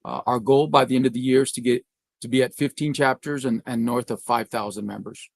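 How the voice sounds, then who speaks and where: Man, organization leader, matter-of-fact and upbeat, mid pitch, dry recording. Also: fairly even intonation, a little fast, vocal fry, no echo. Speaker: head of a trade organization. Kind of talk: casual conversation.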